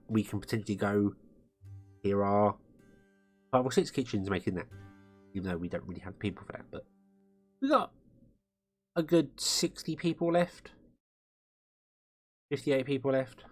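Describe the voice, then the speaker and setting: Brief: male game streamer thinking aloud as he plays, music clearly audible behind. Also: mid-range voice. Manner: rambling, thinking aloud with fillers. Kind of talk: live gameplay commentary. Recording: music playing under the voice. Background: guitar music.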